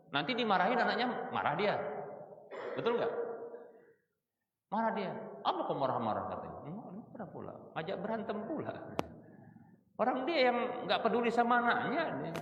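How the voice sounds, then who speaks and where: A middle-aged man with a Medan-area Indonesian accent preaching in a mosque, quizzing his listeners with rhetorical questions. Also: medium pitch. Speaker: Islamic preacher. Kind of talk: mosque study sermon. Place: mosque hall. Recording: echoey, distant, muffled hall recording.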